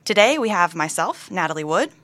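A woman's voice: fairly low pitch, very animated, brisk, fairly bright tone, dry recording. A woman doctor co-hosting a scripted emergency medicine teaching podcast, with dry teasing asides.

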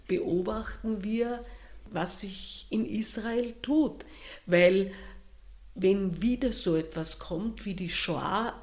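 A woman with an Austrian accent, answering interview questions in a slow, thoughtful way with pauses and restarts. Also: mid-range voice, darkish tone. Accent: Austrian German.

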